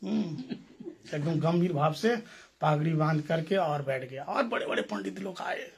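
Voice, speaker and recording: A man's voice: on the high side, animated, measured pace, creaky. A man giving a storytelling sermon to a gathering, playful, acting out the dialogue and putting questions to his listeners. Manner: playful, acts out dialogue, asks audience questions. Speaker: spiritual teacher.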